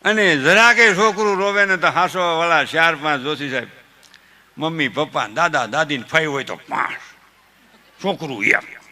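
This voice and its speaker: Saurashtra Gujarati folk comic, high, sharp voice, chuckling storyteller. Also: male voice, normal speed. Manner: animated, laughs at own jokes, mimics family members. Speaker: folk comedian.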